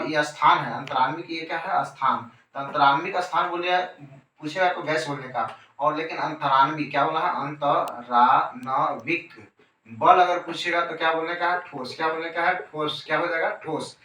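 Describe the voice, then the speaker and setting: Bright-voiced man teaching in an echoey room. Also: on the high side, a little fast. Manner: repeats key terms as questions and answers them himself. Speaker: chemistry teacher. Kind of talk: coaching class lecture. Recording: echoey room, voice from a distance, faint ambience.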